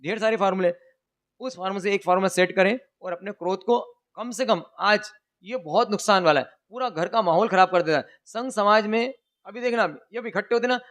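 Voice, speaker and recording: A male preacher giving a sermon, telling lively stories, asking the audience questions and chanting vows in a rhythmic recitation. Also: sits high, fairly quick. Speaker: religious preacher. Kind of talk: sermon with storytelling.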